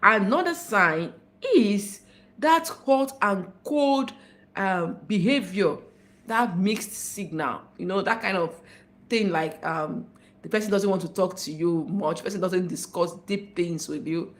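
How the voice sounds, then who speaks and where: A woman giving relationship advice as a life coach on a livestream, talking in an animated, emphatic way and repeating her key points. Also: lowish voice, unhurried. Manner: animated, dramatizing, emphatic repetition.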